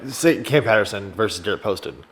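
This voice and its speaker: A man's voice: lowish voice, expressive, brisk, creaky, slight background noise. A man co-hosting a casual podcast chat, joking and musing aloud with many 'you know's. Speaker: podcast co-host.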